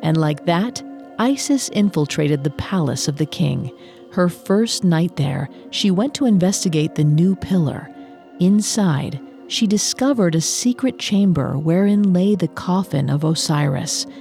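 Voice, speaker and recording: A woman narrating a mythology podcast in a measured storytelling manner. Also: lowish voice, lively intonation, gravelly, dark tone, faint music behind.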